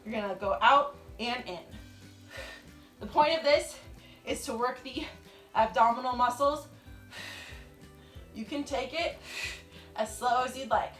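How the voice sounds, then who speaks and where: A young woman leads an encouraging home workout as she exercises, her voice a little high and a bit bright, delivered at a measured pace with long pauses. She is a fitness instructor and channel host filming in her living room. A floor camera a few feet away catches reverberation and soft background music.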